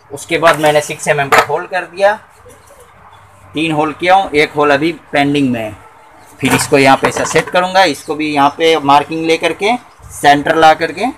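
A man in his thirties with a slightly high voice explains a repair step by step in a casual, chatty tone. He hosts a repair channel and works in a small, cluttered workshop, filmed on a handheld phone camera, with background noise in the recording.

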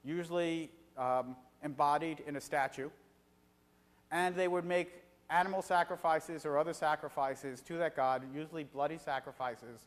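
A middle-aged man giving an evening lecture in a conversational way, pausing often on filler sounds. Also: a little high. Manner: conversational, frequent filler pauses. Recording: reverberant hall.

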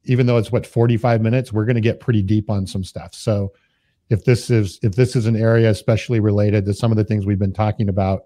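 A man's voice: lowish voice, steady tone, quick pace, warm tone, no echo. A man co-hosting a podcast, speaking informally and enthusiastically. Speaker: podcast co-host. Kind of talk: casual chat.

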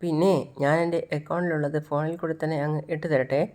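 A woman voicing a practical older woman organizing money for her friends, speaking briskly. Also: deep voice, level tone, a little mellow, lightly acted. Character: older sister figure handling money.

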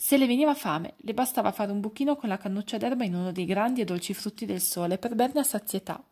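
A woman reading a fairy tale aloud to children, expressive and speaking to young listeners. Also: medium pitch, quick pace, breathy edge. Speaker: children's story reader.

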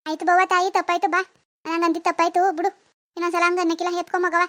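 A woman voicing a middle-aged mother who tries to calm a family quarrel, in a rural Kannada village dialect. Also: extremely high pitch, racing. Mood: placating. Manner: soothing, placating. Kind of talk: cartoon voice acting.

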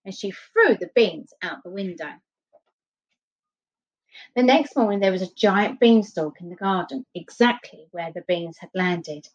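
A woman reading a children's fairy tale aloud, expressive and unhurried. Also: on the low side. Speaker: storyteller. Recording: dull lo-fi recording.

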